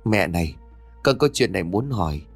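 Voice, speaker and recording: A man's voice: sits low, big pitch swings, fairly quick, creaky, breathy edge, faint music behind, heavily acted. A man narrator voicing a cold, scheming middle-aged woman who sneers and mocks. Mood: wheedling. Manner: sneering, mocking.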